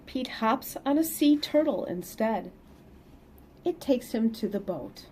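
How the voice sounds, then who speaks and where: Casting: middle-aged woman storyteller, higher voice, very lively intonation, picture-book reading for young children. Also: takes it slowly, slight background noise. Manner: animated, sing-song emphasis for young listeners. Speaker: read-aloud storyteller. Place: small plain indoor room.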